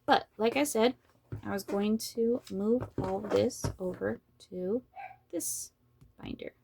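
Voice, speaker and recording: A woman who runs a budgeting vlog, thinking aloud in a fairly monotone way as she counts bills under her breath. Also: medium pitch, takes it slowly, vocal fry, slight background noise. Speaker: budgeting vlogger. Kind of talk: casual talk while counting cash.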